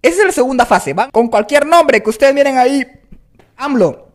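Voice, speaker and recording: A playful woman hosting a beatbox lesson, chatting casually and cracking jokes between vocal demos. Her voice sits fairly high and swings widely in pitch, lively and animated. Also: quick pace. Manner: playful, jokey, demonstrates vocal sounds. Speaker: beatbox teacher. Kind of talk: casual spoken tutorial.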